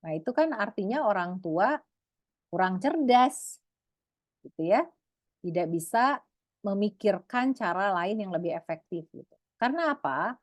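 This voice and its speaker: A woman giving a webinar talk on parenting, lively and acting out parents and children in high voices. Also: unhurried, pauses often, dry recording. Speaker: psychologist speaker.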